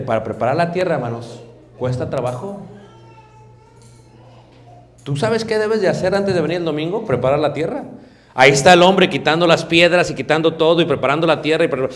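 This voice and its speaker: A man preaching a sermon, swinging between loud emphatic bursts and quiet asides. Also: on the high side, animated, normal speed. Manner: acts out everyday dialogue in other voices.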